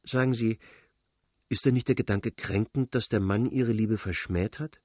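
A man's voice: on the low side, normal speed, darkish tone, no room sound, clean studio sound, lightly acted. A man reading aloud voices an emotional young noble girl who speaks earnestly and impulsively. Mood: urgent.

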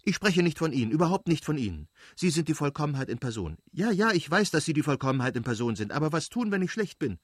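A man reading an audiobook, voicing a proud, quick-tempered young noblewoman in agitated, self-reproaching outbursts. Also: medium pitch, animated, no echo, clean studio sound, pitched above the performer's own voice, lightly acted.

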